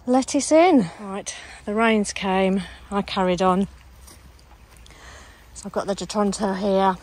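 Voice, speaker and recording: A middle-aged allotment gardening vlogger chats to camera while working her vegetable plot, walking between the allotment and back garden with her phone camera in hand. Her mid-range voice is a little mellow and slightly croaky, and she comes across as chatty and down-to-earth.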